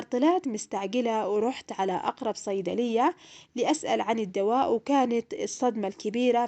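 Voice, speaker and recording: Fairly high, mellow young woman storyteller. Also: highs cut off. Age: young adult. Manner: emotional, plaintive storytelling. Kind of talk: first-person story narration.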